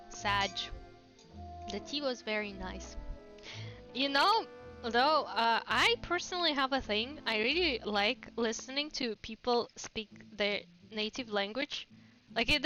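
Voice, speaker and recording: A chatty woman with a Russian accent rambles through a casual livestream. Her voice is bright and a little high, with soft game music playing behind her. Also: poor audio. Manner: chatty and rambling, laughs often. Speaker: VTuber streamer.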